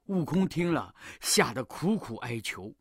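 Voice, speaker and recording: A woman storyteller narrating a children's story in a slow, drawn-out, animated way. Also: sits low, slightly rough, dry recording, studio quality.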